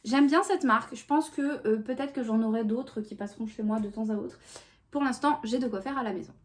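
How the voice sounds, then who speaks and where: A woman's voice: a little high, fairly quick. A woman talking casually in a vlog, chatty and rambling, with many fillers and restarts. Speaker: vlogger.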